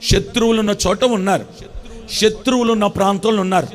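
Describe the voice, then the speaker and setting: A man preaching a sermon as pastor, fervent and repetitive, firing questions at the congregation and rising to shouted blessings. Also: high-pitched, steady tone, fast.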